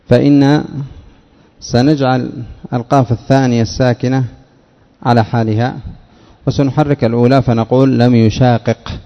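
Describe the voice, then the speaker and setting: Sheikh drawing out words in echoing hall. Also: male voice, mid-range voice, warm tone, highs cut off. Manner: drawn-out words, quizzing listeners. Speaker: sheikh teaching Arabic morphology. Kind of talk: classroom lesson.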